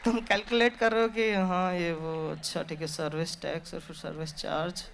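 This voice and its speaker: Dude with a high voice doing stand-up, chatty and laid back, bit of room noise. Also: male voice, steady tone, normal speed, vocal fry, a crowd in the background. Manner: casual, conversational storytelling. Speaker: stand-up comedian. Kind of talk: stand-up comedy set.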